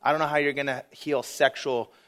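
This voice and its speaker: A man's voice: medium pitch, flat delivery, brisk, fairly bright tone. Earnest conversational guest preacher, man. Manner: earnest, conversational, with fillers and quoted prayers. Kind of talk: sermon.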